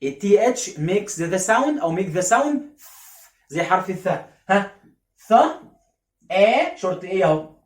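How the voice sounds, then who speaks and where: A man with an Egyptian Arabic accent teaching a phonics lesson, stretching out and repeating each sound slowly, and asking questions that he answers himself. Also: high voice, animated, echoey room.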